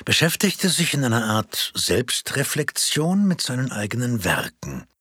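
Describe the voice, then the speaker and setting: A man reading his own story aloud in a playful, expressive way. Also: mid-range voice, measured pace, slightly rough, no echo, studio quality. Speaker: narrator.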